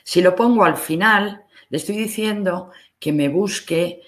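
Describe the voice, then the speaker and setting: Slow, patient instructor with a Spain accent. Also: medium pitch. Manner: patient step-by-step explaining. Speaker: university library instructor. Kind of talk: recorded online course, screen demonstration.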